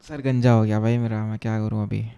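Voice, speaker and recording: A man's voice: fairly low pitch, level tone, fairly quick, creaky, mellow, clear, resonant tone, lo-fi sound. A young man from Chennai chatting casually on a coding live stream, joking with viewers and mixing Hindi with English tech terms. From Chennai, India. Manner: chatty and joking, reading viewer chat aloud and answering it.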